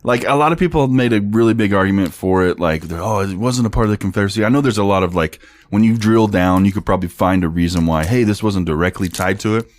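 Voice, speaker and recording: A young man co-hosts a sports podcast, chatting casually, bluntly and profanely, laughing a lot and reading tweets aloud. He talks fast with a low-pitched voice and few pauses.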